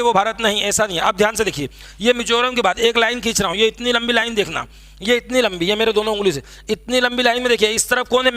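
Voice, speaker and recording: A male teacher, lecturing while he sketches a map. His voice sits very high and sounds bright and forceful. He has students chant lists back to him. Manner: drills students with call-and-response repetition; talks while drawing on a map. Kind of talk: classroom lecture.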